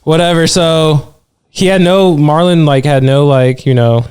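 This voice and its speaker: A man's voice: a little high, steady tone, unhurried, a little mellow, smooth. A man from Las Vegas, co-hosting a podcast and telling a story in an easygoing, laid-back way. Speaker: podcast co-host. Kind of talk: casual storytelling.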